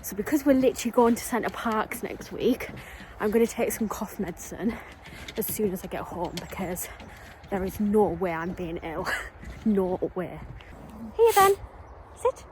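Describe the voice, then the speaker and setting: A woman's voice: medium pitch, normal speed, darkish tone. Chatty woman vlogging on a walk, lots of ums, noisy recording. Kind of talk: casual vlog chat. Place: outdoors on a walk, then at home.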